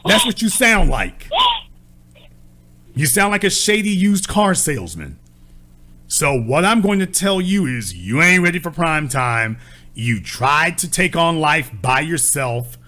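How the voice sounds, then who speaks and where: A man's voice: fairly high pitch, big pitch swings, unhurried, bright, forceful tone. A man hosting a call-in advice show, who lectures a caller in a blunt, scolding and crude way. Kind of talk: call-in relationship advice talk.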